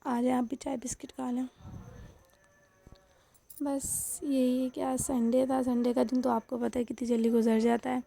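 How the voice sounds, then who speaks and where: Creaky-voiced woman chatting to viewers. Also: high voice, level tone, long pauses, warm tone. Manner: chatty, addresses viewers directly. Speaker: housewife vlogger. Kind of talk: casual home vlog chat.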